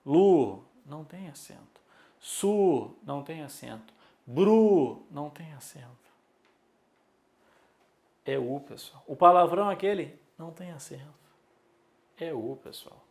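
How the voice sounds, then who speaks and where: Slow gravelly male teacher, emphatic. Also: a little high, animated, a little mellow. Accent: Brazilian Portuguese. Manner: emphatic, drawn-out teaching delivery with rhetorical questions. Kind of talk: classroom lecture.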